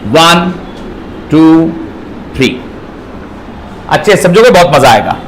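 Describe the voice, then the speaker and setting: Slow-spoken teacher in an echoey classroom. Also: male voice, on the high side, lively intonation. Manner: spells words letter by letter, calls students beta. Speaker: English grammar teacher. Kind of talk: classroom grammar lecture. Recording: echoey classroom, faint background noise.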